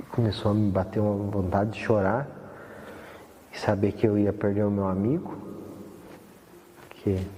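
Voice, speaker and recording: A man's voice: lowish voice, dark tone, slight background noise. A man giving a rambling, heartfelt personal testimony for a documentary. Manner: rambling heartfelt storytelling with many fillers. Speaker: documentary interviewee. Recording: roomy echoey hall with faint ambience.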